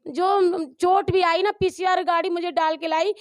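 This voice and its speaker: High-voiced woman giving emotional, rambling testimony. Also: fairly even intonation, a little slow, dry recording, studio quality. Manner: rambling, emotional, restarts mid-sentence. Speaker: mother of a dowry abuse victim. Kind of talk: street interview testimony.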